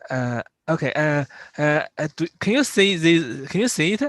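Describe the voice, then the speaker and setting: A man with a Chinese accent, a non-native speaker, giving a scientific presentation in careful, halting English with repeated words. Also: on the high side, lively intonation, fairly bright tone, no room sound, studio quality. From China. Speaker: invited speaker. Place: online video call.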